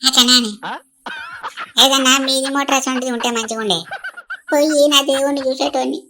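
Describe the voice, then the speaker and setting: A woman voicing a tearful elderly widowed grandmother from a village, in a Telangana accent, loud and wailing. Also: high-pitched, steady tone, a little fast, background noise. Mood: mournful.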